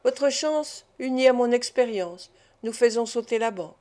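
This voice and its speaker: A woman's voice: fairly high pitch, moderate pace, darkish tone, close to an everyday voice. A woman reading the part of an old Italian prince, a ceremonious and persuasive gambler, in an audiobook.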